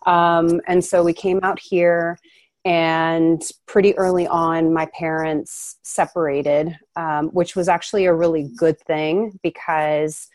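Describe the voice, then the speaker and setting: Woman guest from ukraine, low voice, earnest and reflective, dry close sound. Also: little pitch movement, darkish tone, dry recording. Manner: earnest, reflective, speaks with pauses and fillers. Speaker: podcast guest. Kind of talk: conversational interview.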